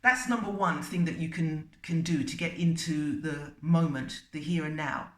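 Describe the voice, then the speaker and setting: A woman hosting a self-help video, giving a motivational talk with stories, unhurried and pausing between short phrases. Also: low voice. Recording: roomy and distant from the mic.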